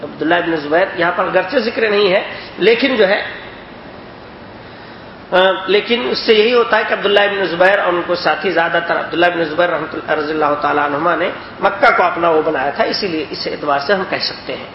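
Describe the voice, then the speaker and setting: High-voiced man teaching in an echoey room. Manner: explains with questions to listeners. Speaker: hadith teacher. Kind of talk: religious lesson. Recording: echoey, dull lo-fi recording with faint noise.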